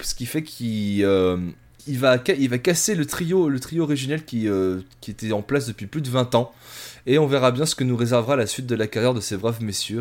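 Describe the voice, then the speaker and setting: A man's voice: medium pitch, a little mellow. A man hosting a music podcast, reviewing a band in a rambling, self-mocking, filler-heavy way.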